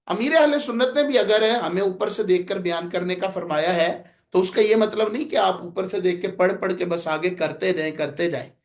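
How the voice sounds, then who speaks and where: Man, Punjabi-inflected accent, oratory teacher, very high pitch, gravelly, declaims examples. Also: few pauses. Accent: Punjabi-inflected Urdu. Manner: demonstrates intonation, switches between plain explanation and declaiming examples. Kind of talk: lecture on public speaking.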